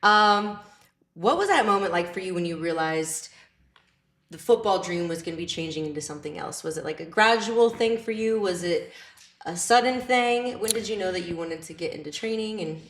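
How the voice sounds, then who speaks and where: A woman's voice: on the low side, normal speed, a bit bright. A young adult woman hosting a sports podcast, interviewing a guest in a bubbly, upbeat way. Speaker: podcast host and sports reporter. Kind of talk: casual interview.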